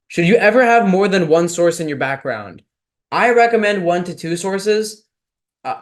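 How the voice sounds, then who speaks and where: A young man from Texas, giving a casual, filler-heavy online lecture on speech and debate with questions from listeners. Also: on the high side.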